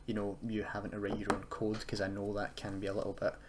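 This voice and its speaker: A young man with a lowish voice talks fast in a completely flat delivery, presenting an unscripted coding tutorial as a university student. He explains casually but hesitantly, correcting himself, with keyboard typing and noise clearly in the background.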